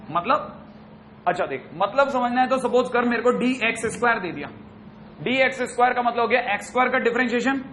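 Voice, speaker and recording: High-voiced brisk chatty male teacher. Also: fairly bright tone, slight background noise. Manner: brisk, chatty, teasing the students. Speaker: math teacher. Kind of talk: classroom lecture.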